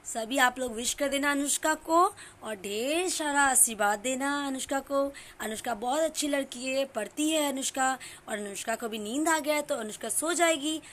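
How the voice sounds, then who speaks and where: A woman's voice: sits high, normal speed, fairly bright tone. A woman filming a family vlog, coaxing a toddler through words and counting in a sing-song prompting voice. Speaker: family vlogger. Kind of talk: teaching a toddler on camera.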